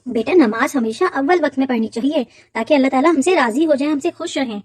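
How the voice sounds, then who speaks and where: A woman playing a gentle, pious mother who patiently teaches her son. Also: high-pitched, fast, soft background music, lightly acted. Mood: gently teaching. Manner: patient, warmly instructive. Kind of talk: children's moral short film acting.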